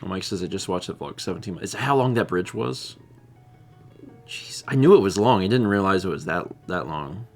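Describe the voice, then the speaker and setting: Man, low pitch, animated intonation, casual livestream host, rambling musing delivery, faint music underneath. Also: brisk. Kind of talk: casual chat, reading viewer comments.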